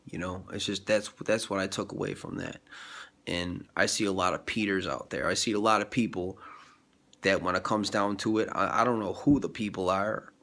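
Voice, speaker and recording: A vlogger with a cold talks loosely about faith, his speech packed with fillers and false starts and his nose stuffed up. His low voice has vocal fry, a touch of brightness, fairly even intonation, and a normal pace.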